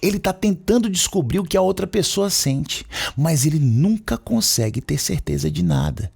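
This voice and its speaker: A male teacher with a Brazilian Portuguese accent explains English in a relaxed, chatty way. His pitch swings widely as he talks, with a gravelly edge in his voice. He often slows right down and repeats single words to drill their pronunciation. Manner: lively, slangy, repeats words slowly to show pronunciation. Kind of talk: casual explanatory lesson.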